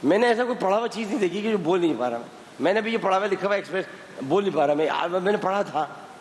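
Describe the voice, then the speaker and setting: A man's voice: sits high, animated, quick pace. Impatient male quiz host, studio reverb. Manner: impatient, needling, repeats commands. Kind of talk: teasing, pressing quiz hosting. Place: TV studio with live contestants. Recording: long studio reverb, faint hiss.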